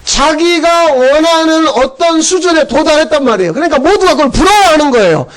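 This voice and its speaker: A middle-aged male pastor giving a conversational sermon, chatty and animated, acting out voices as he goes. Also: very high-pitched, a little fast.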